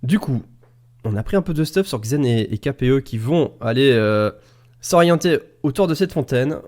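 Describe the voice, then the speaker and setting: His voice is medium-pitched, expressive, a little mellow and moderately paced as he commentates a live esports match. A Belgian caster with a Belgian French accent, he works from home on an XLR studio mic, chatting and joking with chat.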